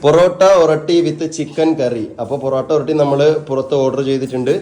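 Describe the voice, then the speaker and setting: A man's voice: medium pitch, a little fast, warm tone, a little hiss or hum. A man chatting casually to his viewers as he films his own family vlog, rambling and talking straight to the camera. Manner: teasing with family. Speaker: vlogger.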